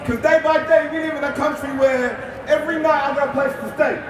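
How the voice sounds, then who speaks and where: A man's voice: very high-pitched, fairly even intonation, a little fast. A young man from Australia performing a rhyming spoken word poem at an outdoor rally, in a rhythmic delivery. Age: young adult. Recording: echoey, distant outdoor PA.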